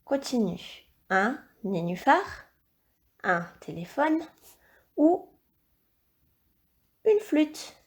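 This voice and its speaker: A woman teacher recording a video lesson for young children, dictating words slowly and clearly and encouraging the child. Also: high-pitched, big pitch swings. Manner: slow, clear dictation with stretched syllables; encouraging, addresses the child directly. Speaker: primary school teacher.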